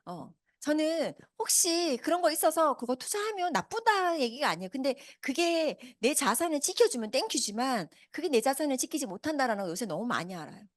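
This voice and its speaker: A lively woman in her fifties presents at a business meeting, her pitch rising high and swinging widely as she questions the crowd. She talks quickly and keeps her delivery upbeat. The sound is dry and close, with no room echo. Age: 50s. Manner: animated, asks the audience many questions. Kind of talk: motivational seminar talk. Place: meeting hall with a live audience.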